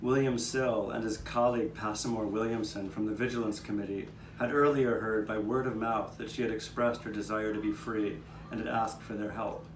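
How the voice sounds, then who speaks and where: A man with a lowish voice plays a local eyewitness while narrating a historical tale in first person for a live courtyard puppet show outdoors. He speaks at normal speed with fairly even intonation and hardly pauses. The live recording sounds distant, roomy and noisy.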